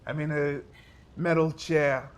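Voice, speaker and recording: Man, tabletop player, somewhat high voice, rambling, flustered, laughing. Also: fairly even intonation, slow pace, noisy background. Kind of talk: tabletop role-play.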